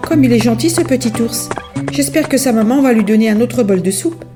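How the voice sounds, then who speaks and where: A woman's voice: on the high side, animated, fairly quick, over music, pitched above the performer's own voice, natural voice. A woman doing a sweet, chirpy little girl. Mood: fond. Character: curious little girl, polite and cheerful.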